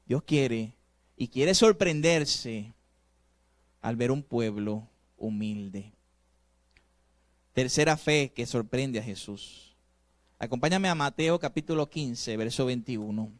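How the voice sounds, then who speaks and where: A male pastor delivering a sermon, preaching emphatically and swinging between loud and soft passages while asking the congregation rhetorical questions. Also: medium pitch, animated, slow, pauses often, dry recording.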